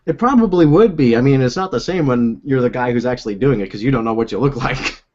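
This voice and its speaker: A man's voice: mid-range voice, expressive, fast talker, darkish tone, highs cut off. A young man hosting a casual video call chat, rambling and laughing often as he talks from a room at home. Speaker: host. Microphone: own desk microphone.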